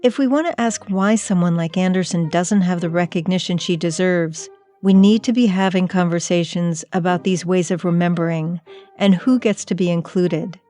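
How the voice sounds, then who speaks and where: A woman hosting a documentary podcast, narrating in a measured, reflective storytelling manner. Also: lowish voice, warm tone, soft background music. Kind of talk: scripted narration.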